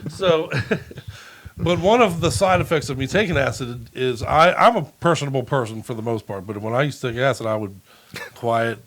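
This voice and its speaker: A man's voice: mid-range voice, normal speed, fairly bright tone, poor audio. A man hosting a podcast, telling a long profane story in a rambling, laughing way. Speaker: podcast host. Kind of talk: casual storytelling.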